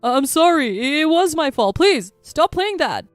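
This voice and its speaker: A sheepish young husband , as a woman narrator puts him on pleads in a storybook reading. His pitch moves widely. The sound is dry and close. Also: sing-song, unhurried, no room sound, faint music behind. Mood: pleading.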